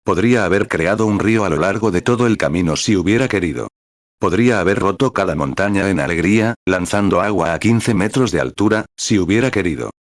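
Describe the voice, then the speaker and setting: A man's voice: low-pitched, lively intonation, a little fast, dry recording, studio quality. A man preaching a sermon in Spanish translation, with fervent exclamations and scripture readings.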